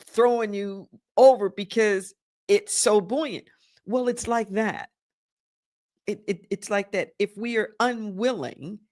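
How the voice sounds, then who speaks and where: A woman minister giving a sermon, emphatic, repeating key phrases and checking in with her listeners. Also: on the high side.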